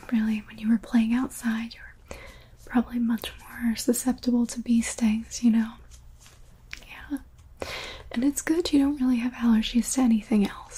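A young woman whispering softly and reassuringly, in a whispered medical roleplay as a paramedic. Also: a little high, breathy edge.

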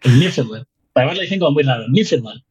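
A man's voice: medium pitch, animated, very fast, breathy edge, rough recording. A man from Spain with a Spanish accent, a guest chatting animatedly in an interview, laughing often and restarting his sentences. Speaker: guest researcher. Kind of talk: casual interview chat.

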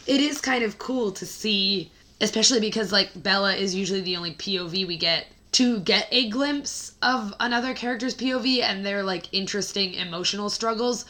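A woman podcast co-host with a hoarse, scratchy smoker's rasp, chatting casually and wryly about a book. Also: mid-range voice, fairly quick, hardly any pauses, pushed and bright. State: hoarse after flu.

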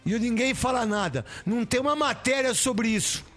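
Male Brazilian chat host, high voice, casual and opinionated, blunt ranting delivery with repeated phrases. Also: normal speed, a bit bright, faint music behind.

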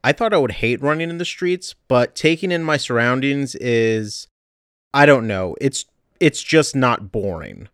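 A podcast host records a casual, chatty, self-deprecating update from under a blanket at home during a heat wave, so the sound is muffled and dry. His mid-range male voice is animated, unhurried, a bit bright, and smooth, with no echo.

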